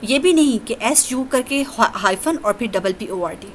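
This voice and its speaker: A woman teacher, giving a deliberate grammar lesson that moves between English and Urdu. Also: on the high side, lively intonation, slight background noise, poor audio.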